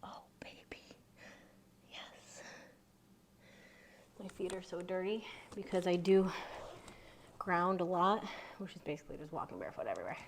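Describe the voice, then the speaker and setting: A woman in her thirties guiding a relaxed mobility flow, talking softly and breathily with many half-whispered cues. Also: lowish voice, fairly quick, slight background noise. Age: 30s. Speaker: yoga instructor.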